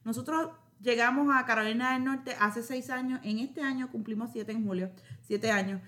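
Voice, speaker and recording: A woman telling a heartfelt, devout story as a podcast guest, lively and emotional. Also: a little high, moderate pace. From Puerto Rico. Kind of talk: casual heartfelt testimony.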